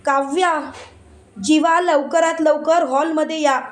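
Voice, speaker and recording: Brief: high-voiced, loud, indignant young wife, read by a woman narrator, a betrayed wife in a story recap. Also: steady tone, slow. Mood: furious. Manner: loud, indignant, repeating herself.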